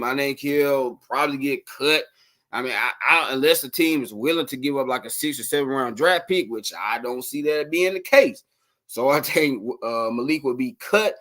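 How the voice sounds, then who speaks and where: A man hosting a casual late-night sports podcast livestream, rambling and animated, talking to his viewers. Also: mid-range voice.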